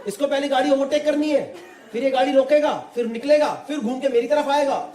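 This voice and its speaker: A young man from Delhi NCR performing an animated stand-up set, chatting directly with a live audience. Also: very high voice, a little fast. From Delhi NCR, India. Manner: animated, chatty, keeps addressing the audience as brother. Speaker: stand-up comedian. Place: comedy stage before a live audience. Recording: echoey live venue, crowd noise.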